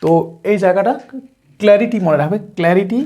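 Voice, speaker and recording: A woman with a West Bengal Bengali accent coaching viewers on interviews, pausing often with "uh" fillers and restarts and mixing in English terms. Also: mid-range voice, darkish tone, highs cut off. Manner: hesitant, frequent "uh" fillers and restarts; mixes English terms into speech. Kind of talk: spoken tips lesson to camera.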